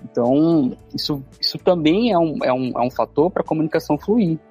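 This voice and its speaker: A man's voice: fairly high pitch, expressive, a little fast, dark tone, husky, soft background music. A man in casual podcast chat, reflective, explaining with examples and rhetorical questions.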